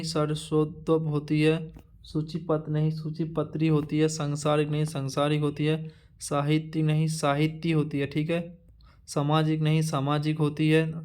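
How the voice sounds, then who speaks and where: A man teaching an exam-prep lesson, going through a word list one entry at a time. His voice sits a bit high and stays flat, barely rising or falling. He drills each item with the same pattern and often stops to restart a word. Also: smooth. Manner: repetitive drilling, halting restarts.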